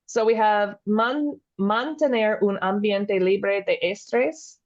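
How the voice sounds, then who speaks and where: A woman in a casual chat who asks about Spanish words, sounds them out slowly and laughs easily. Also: mid-range voice, lo-fi sound. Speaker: co-host learning Spanish.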